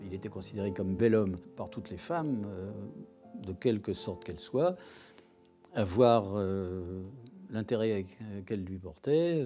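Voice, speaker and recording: Male interviewee, lowish mellow voice, halting spontaneous recollection, music behind. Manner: hesitant, repeats himself.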